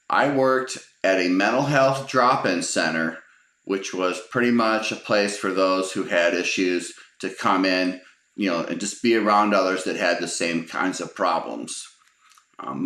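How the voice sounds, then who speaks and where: A middle-aged man with a low-pitched, fairly bright voice rambles through funny stories from his life, chuckling and using lots of fillers. It's casual spoken storytelling with a roomy echo.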